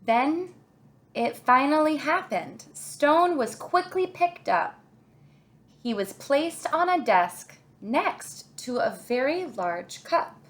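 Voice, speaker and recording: A woman with a voice that sits high reads a children's picture book aloud, telling it expressively and deliberately in the manner of a kindergarten teacher.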